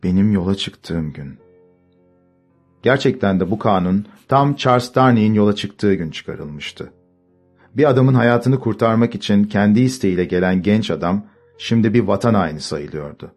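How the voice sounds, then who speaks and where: A man calmly narrating a storybook and voicing its characters. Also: on the low side, moderate pace, soft background music. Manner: calm, steady reading, voicing characters. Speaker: audiobook narrator.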